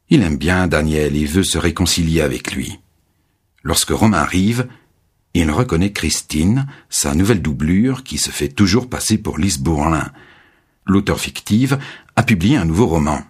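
A man narrating a graded reader story in steady, clear storytelling. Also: a bass voice.

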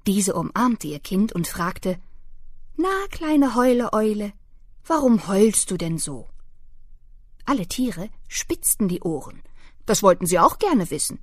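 A woman reading a children's story aloud in an expressive, gently dramatic way. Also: fairly low pitch, slightly rough, no echo, studio quality.

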